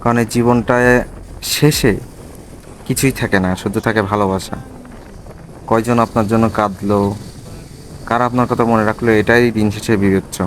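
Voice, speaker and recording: A man's voice: fairly low pitch, steady tone, moderate pace, pauses often, a little hiss or hum. A man with a Bangladeshi accent chats casually and reflectively to viewers as he rides, speaking from inside a motorbike helmet. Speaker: motovlogger. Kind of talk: casual riding vlog chat.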